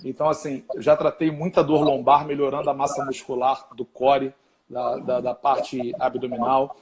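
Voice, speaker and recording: A man's voice: mid-range voice, moderate pace. A man, a doctor, telling stories and agreeing eagerly in a live-stream conversation. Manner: animated, storytelling, agreeable. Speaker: physician and lecturer.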